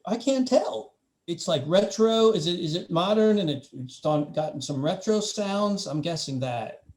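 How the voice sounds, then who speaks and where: A man's voice: high-pitched, measured pace. A man hosting a music reaction video, chatting casually and joking with his co-host. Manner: joking, animated banter.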